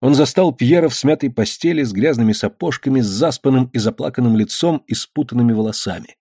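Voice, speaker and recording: A male audiobook narrator reading a novel in a steady, measured way. His voice is husky and mid-pitched, recorded close with a dry, dead sound. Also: dry recording.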